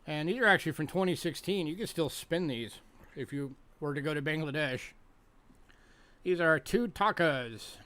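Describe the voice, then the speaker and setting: A man's voice: a little high, lively intonation, normal speed, sharp tone. Chatty man hosting a live auction. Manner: chatty, joking, upbeat. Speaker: online auction host. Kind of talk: casual live-stream selling.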